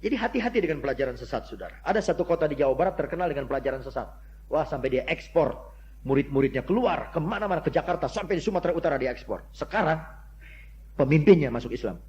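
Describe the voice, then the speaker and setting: An older man preaching a sermon, telling stories with loud exclamations that drop to near-murmurs. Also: fairly high pitch, expressive, fast talker. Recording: dull lo-fi sermon recording with faint hum.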